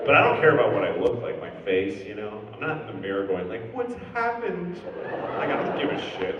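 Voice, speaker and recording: Fifties male stand-up, low deadpan voice with lively swings, heard far off in a big reverberant hall. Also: quick pace, muffled recording, very noisy. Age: 50s. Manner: deadpan, profane, conversational. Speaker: stand-up comedian. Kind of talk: stand-up set. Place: large theater stage. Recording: far-off echoey hall recording. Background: audience ambience.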